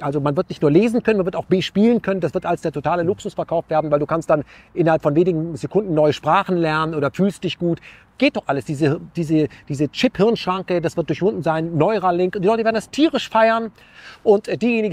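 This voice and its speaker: A man's voice: fairly high pitch, a little mellow, no room sound. A man, an interview guest musing about life in an earnest, searching way, full of rhetorical questions and restarts. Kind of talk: reflective philosophical talk.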